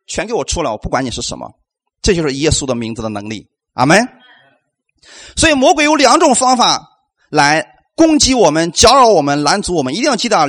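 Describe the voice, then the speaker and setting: A man preaching a sermon in Mandarin, animated and full of rhetorical questions to the congregation. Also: sits high. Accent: Mandarin Chinese.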